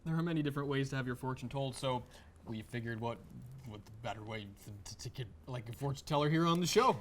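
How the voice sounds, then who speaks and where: A man's voice: mid-range voice, quick pace, a little hiss or hum, lightly acted. A young man playing a straight-faced, formal co-host of an occult comedy talk show. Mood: deadpan. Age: young adult. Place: TV studio set.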